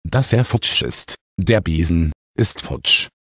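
A man's voice: low voice, expressive, slow pace, a bit bright, no room sound, clean studio sound, exaggerated voice. A man doing a weary, grumbling little witch. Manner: sighing, grumbling. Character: weary, stubborn young female witch. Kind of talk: children's audiobook reading.

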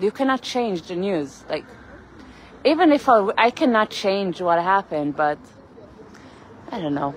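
The recording quality is low, and the woman's voice sits in the mid range. She's a vlogger walking along a city street, casually chatting on a live stream, rambling and greeting viewers by name while holding her phone camera, with traffic and street ambience around her.

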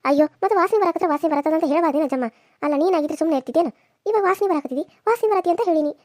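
A woman's voice: very high voice, racing, a little mellow, dry recording, clean studio sound. A woman voicing a spoiled, scornful young village woman in a cartoon serial, with a sneering, complaining manner. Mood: disgusted.

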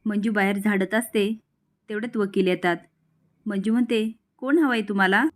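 Woman recapping a serial, even storyteller's delivery, mid-pitched. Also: normal speed. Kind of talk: reading out a serial recap, quoting each character.

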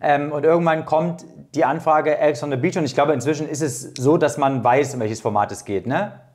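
A man's voice: a little high, a little mellow. A man in his thirties hosting a casual interview, asking long, probing questions with a lapel mic in an indoor studio. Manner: quick, probing questions with many fillers. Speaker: interview host.

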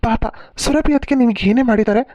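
A woman's voice: on the high side, fast talker, dark tone, no room sound, dull audio, close to an everyday voice. Woman voicing a scolding family member. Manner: scolding, questioning. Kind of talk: cartoon serial voice acting.

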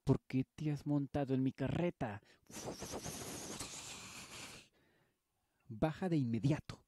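A man reading the lines of a gruff widowed farmer who is harsh to strangers but gentle with his children. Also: medium pitch, slow, a little hiss or hum, close to an everyday voice. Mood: stern.

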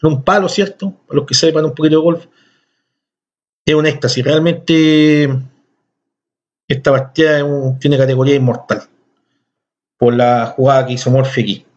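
A man talks through a chess game in a voice pitched a little high. He explains with real enthusiasm and speaks straight to his viewers. The recording sounds dull and lo-fi. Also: fairly even intonation, normal speed, long pauses. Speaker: chess instructor.

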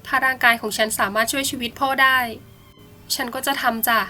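A woman's voice: a little high, steady tone, fairly quick, sharp tone, faint music behind. A woman voicing a brave, dutiful young village daughter in a bedtime storybook, who talks sweetly, politely and earnestly.

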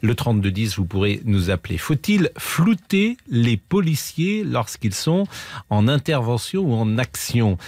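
Middle-pitched older man hosting radio chat. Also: very animated, a little slow, a little mellow, dry recording. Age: 50s or older. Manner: conversational, poses questions to listeners and colleagues. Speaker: radio phone-in host. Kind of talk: unscripted studio chat and topic teasing. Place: radio studio. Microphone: close studio microphone.

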